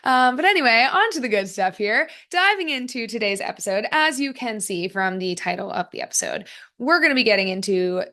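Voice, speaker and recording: A woman's voice: medium pitch, fairly quick. Chatty woman hosting a solo podcast. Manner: chatty and animated, lots of fillers. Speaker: podcast host. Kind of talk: casual solo podcast talk. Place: home office with a fan running.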